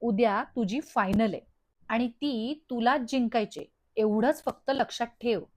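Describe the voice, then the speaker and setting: A stern mother who scolds her headstrong daughter in firm, clipped words. A female recapper voices her in a somewhat high voice, close to her own. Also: unhurried, darkish tone. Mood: scolding.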